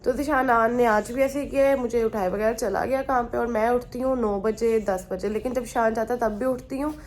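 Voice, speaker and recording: A woman's voice: a little high, steady tone, fairly quick, a little mellow. Chatty woman, slightly feverish. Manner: chatty, rambling, mixes in English phrases. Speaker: vlogger. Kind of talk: casual vlog chat. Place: her bedroom at home.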